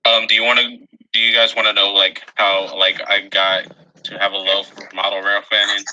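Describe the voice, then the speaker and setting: A man from Pennsylvania in a casual video call chat, halting and full of fillers. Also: fairly low pitch, monotone, pushed and bright, highs cut off, slight background noise.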